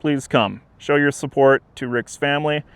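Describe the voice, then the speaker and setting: An interim museum director, a man with a smooth, resonant voice of average pitch, gives a casual update to the camera in a plain-spoken, measured way. He stands outdoors beside a trail, where traffic and wind can be heard. The audio is dry and open, with no echo.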